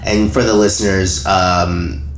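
A man's voice: low-pitched, steady tone, slow pace, slight background noise. A man in his late twenties hosting a casual chat from his apartment, his voice congested and nasal from illness, laughing often between words. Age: late 20s. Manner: laughs often, loose and giggly. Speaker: podcast host. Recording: echoey room.

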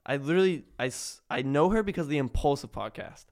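A man's voice: a little high, lively intonation, fast. A man talking as a podcast guest, telling a story in a rambling way, full of "like" and restarts. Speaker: podcast guest, prank video maker. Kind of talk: casual podcast chat.

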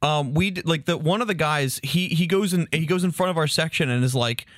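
A man's voice: on the high side, brisk, no room sound, studio quality. A young man co-hosting a podcast, chiming in with profane details and acting out what others said. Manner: chimes in, adds details, profane. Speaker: podcast co-host. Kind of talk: casual chat.

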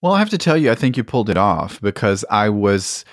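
A man's voice: lowish voice, very animated, fairly quick, no echo, studio quality. A man hosting a podcast interview, asking long, meandering questions in an enthusiastic, conversational way. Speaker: podcast host.

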